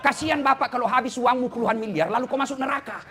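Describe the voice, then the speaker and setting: A man's voice: extremely high pitch, rapid-fire, background noise. A man preaching a humorous sermon, teasing his listeners and often addressing them as "Pak". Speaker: preacher and lecturer.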